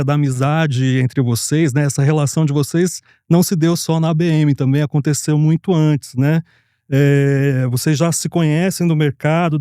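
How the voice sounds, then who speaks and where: A man's voice: a little high, mellow, smooth, no echo, clean studio sound. A man moderating an interview as a journalist, asking questions and often adding tag questions.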